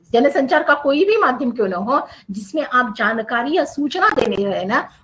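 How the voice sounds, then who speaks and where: A woman teacher lectures with a lively, rising and falling voice that sits a little high. She explains patiently, repeats her key points and works through examples, dropping English terms into her talk. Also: slight background noise, poor audio.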